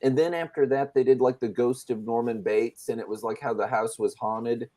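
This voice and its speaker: A man's voice: mid-range voice, steady tone, moderate pace, dark tone. A male podcast co-host in casual chat, chatty as he retells show plots.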